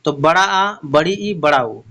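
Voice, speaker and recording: Male tutor, exam-prep lesson: slowly spells out letters one at a time and poses his own questions, in a high, sharp tone. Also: lively intonation. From India. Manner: explains step by step, asks and answers his own questions. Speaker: teacher.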